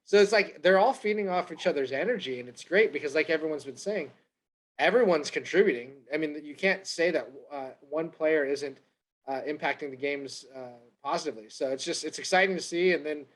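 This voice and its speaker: Man with a higher pitch, jokey co-host who keeps the chat on track. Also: a little fast, fairly bright tone. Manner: jokey, steers the talk back on track. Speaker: podcast co-host. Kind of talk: casual sports chat.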